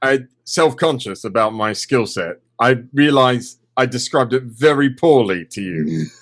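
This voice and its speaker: Man player with a wry, lively voice. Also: medium pitch, measured pace. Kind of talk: tabletop game play.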